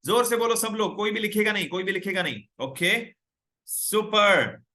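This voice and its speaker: A man's voice: sits high, animated, fairly quick, sharp tone. A young man teaching English in a live online class, coaxing students to speak up and reading out their names and comments. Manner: reads out viewers' names and comments.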